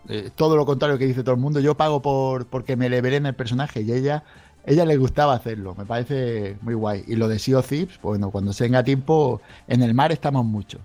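A man's voice: mid-range voice, darkish tone. Chatty man co-hosting a podcast, faint music. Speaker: podcast co-host. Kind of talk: casual podcast chat.

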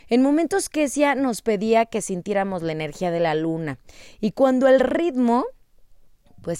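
A woman telling a personal story in an expressive, animated way. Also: on the high side, no echo, studio quality.

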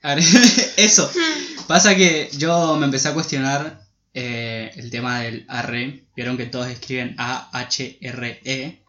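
A man's voice: mid-range voice, fairly even intonation, a little slow, pushed and bright, echoey room. A man with an Argentine accent joking and teasing his friends in a casual chat. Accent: Argentine Spanish. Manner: joking, teasing, laughs often. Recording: dull lo-fi sound.

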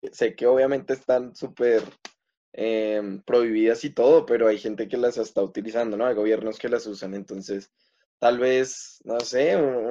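A young man casually answering questions about his videos and life, often pausing and restarting his sentences. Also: lowish voice, a little mellow. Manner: hesitant, many fillers and restarts. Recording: slightly muffled recording.

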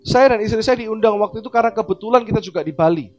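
A middle-aged man, a pastor preaching a sermon and acting out quoted dialogue in lively swings of voice. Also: rapid-fire, highs cut off, soft background music. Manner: animated, acts out quoted dialogue with big pitch swings.

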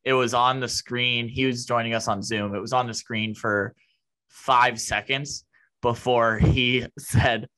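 An American man co-hosts a casual sports podcast. He has a medium-pitched voice and a wry, needling way of chipping in. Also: steady tone, a little slow, bright, forceful tone, poor audio. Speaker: podcast co-host.

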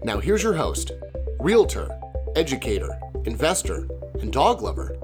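An announcer reads a scripted podcast opening in an upbeat, sing-song way, with the pitch rising and falling widely. Music plays clearly beneath the voice the whole time. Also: wildly swooping pitch, unhurried. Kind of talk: scripted promo intro. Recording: voice over music bed.

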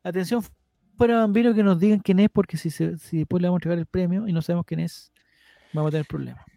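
A man's voice: sits high, fairly even intonation, fast, vocal fry, mellow, no echo. A Chilean man hosting a casual trivia game on a podcast, playful and theatrical. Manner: playful, theatrical quiz-master delivery. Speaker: trivia host.

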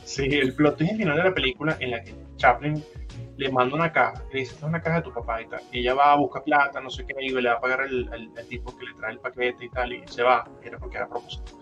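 A young Venezuelan man on a podcast, telling a story in casual chat, animated and full of swearing and slangy asides. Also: mid-range voice, fast talker, highs cut off, soft background music. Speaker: podcast co-host.

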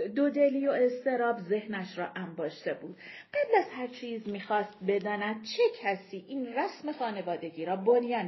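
Expressive woman audiobook narrator. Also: a little high, highs cut off. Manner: expressive, dramatic storytelling.

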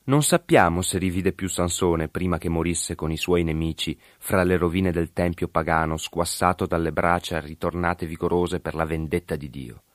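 A man narrating a biblical story in a measured, literary reading style. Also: deep voice, no room sound, studio quality.

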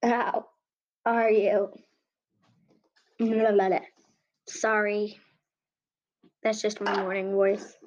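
A woman's voice: mid-range voice, little pitch movement, slow pace, pauses often, muffled recording, a little hiss or hum, lightly acted. A woman voicing a chatty, friendly girl who befriends a shy child in a home-made story.

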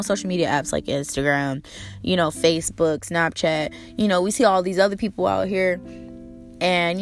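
A woman with a fairly low voice that is hoarse and squeaky from a cold, with a lot of fry in it. She talks casually and emphatically like a podcast host giving motivation, using slang and swearing. Faint plucked guitar plays behind her. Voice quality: squeaky, strained, a little off. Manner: slangy, swearing, emphatic, repeating key phrases. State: hoarse from a cold, recovering from a lost voice.

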